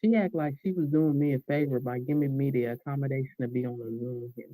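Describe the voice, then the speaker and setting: A man's voice: mid-range voice, fairly even intonation, fast, mellow, no echo, poor audio. An American man in a casual, rambling vlog monologue, talking with his mouth full, colloquial and unguarded, often trailing off. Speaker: vlogger.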